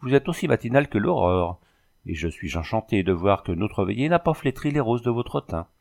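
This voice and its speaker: A man's voice: lowish voice, very animated, brisk, vocal fry, a little mellow. A man doing a smug young suitor. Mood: flowery. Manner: flowery, self-satisfied.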